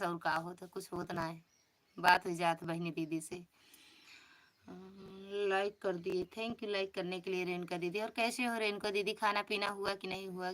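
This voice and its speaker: Awadhi woman live streamer, teasing and chatty, crisp bright voice, greets viewers one by one. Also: medium pitch. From Uttar Pradesh, India. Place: home.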